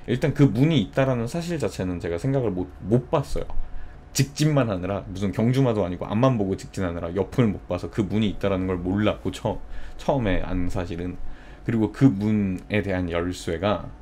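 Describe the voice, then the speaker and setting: A man's voice: sits low, warm tone, slight background noise. A young man streaming, chatting casually and telling a story with acted-out quotes. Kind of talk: casual live-stream chat.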